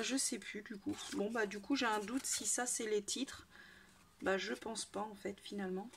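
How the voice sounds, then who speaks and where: Woman rambling through a craft haul, lots of "euh", faint hiss behind. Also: mid-range voice. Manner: hesitant, many fillers and restarts. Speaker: crafting vlogger. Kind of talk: casual unboxing chat.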